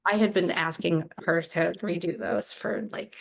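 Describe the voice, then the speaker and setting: A woman chatting casually on a video call, talkative and quick with asides. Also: fairly low pitch, steady tone, gravelly. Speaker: art group participant.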